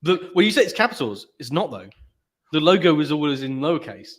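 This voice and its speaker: A man's voice: a little high, very animated, fairly quick. A British man in casual podcast chat, a rambling storyteller who laughs often. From Britain. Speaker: podcast co-host.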